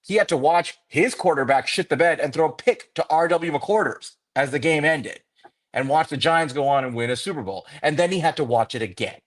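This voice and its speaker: Fired-up, profane football fan ranting. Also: male voice, on the high side, lively intonation, brisk. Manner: impassioned, profane, building to angry shouting. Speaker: podcast co-host. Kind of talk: fan sports podcast rant.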